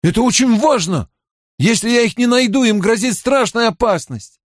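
Man doing a pushy eager young man, urgent, raised voice, animated, dry close audiobook. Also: high-pitched, normal speed, no echo, pitched above the performer's own voice. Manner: urgent, pressing. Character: eager, insistent young man searching for friends. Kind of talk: audiobook character voice.

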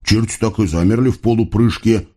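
A man narrating a folk tale as an expressive audiobook reading. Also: lowish voice, fairly quick. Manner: lively folk-tale storytelling.

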